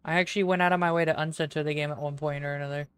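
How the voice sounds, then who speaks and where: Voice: medium pitch, fairly even intonation, rapid-fire, a bit bright, clear, resonant tone. A streamer chatting playfully and casually with viewers during a live game stream. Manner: playful, chatty, talks to chat. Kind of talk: casual livestream chat.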